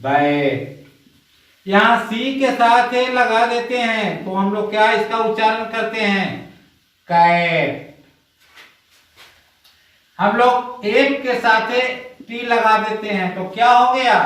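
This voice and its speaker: A male teacher gives a classroom grammar lesson, reciting slowly and quizzing his students. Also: very high voice, fairly even intonation, fairly bright tone. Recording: roomy echo, far from the mic.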